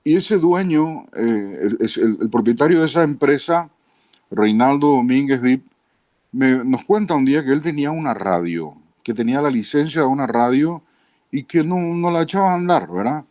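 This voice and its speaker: Paraguayan man in his fifties, mid-pitched radio voice, trained diction, measured interview guest. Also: animated, a little mellow, no echo. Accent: Paraguayan Spanish. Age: 50s. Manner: measured, tags lines with a questioning aside. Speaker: guest, broadcaster and journalist. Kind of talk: interview storytelling.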